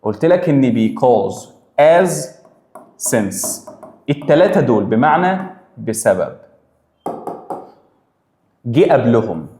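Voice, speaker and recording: A man's voice: mid-range voice, takes it slowly, pauses often, echoey room, a little hiss or hum. A man with an Egyptian Arabic accent, teaching an English grammar revision lesson and repeating each rule as he drills it. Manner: lively, drills rules by repetition, mixing Arabic and English.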